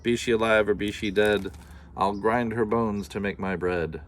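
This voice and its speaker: A man voicing a huge, bellowing, man-eating male giant with a booming, gloating chant. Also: fairly even intonation, normal speed, a little hiss or hum, lightly acted. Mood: menacing.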